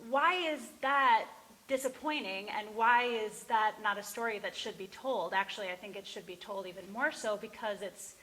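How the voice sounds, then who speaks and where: This woman's mid-range voice has a fairly bright tone as she introduces her songs. She's a singer-songwriter playing live in a barn before a small crowd, speaking informally and reflectively, pausing often to find her words. Music plays behind her, and the room echoes.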